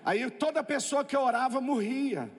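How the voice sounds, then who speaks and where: Brazilian male preacher, high voice, comic storyteller, echoing church hall. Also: moderate pace, background noise. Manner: lively storytelling with comic asides. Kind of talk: humorous testimony sermon.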